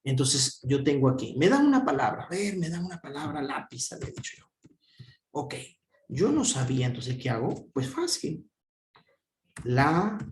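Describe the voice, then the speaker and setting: Animated man teaching, echoey room. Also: mid-range voice. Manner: animated, drawn-out syllables, asks and answers his own questions. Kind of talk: classroom grammar lesson.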